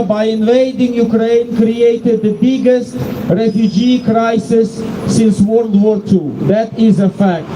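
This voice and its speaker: A man speaking at an outdoor street rally as its organizer, impassioned and rapid, with halting restarts. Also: sits high, noisy background. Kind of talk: public protest speech.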